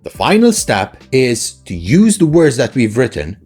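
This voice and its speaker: A man's voice: medium pitch, huge pitch swings, unhurried, a little mellow, breathy edge, faint music behind. A man teaching an English lesson in a conversational, instructional way, often posing questions and checking in with short tags. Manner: rhetorical questions with frequent "right?" tags.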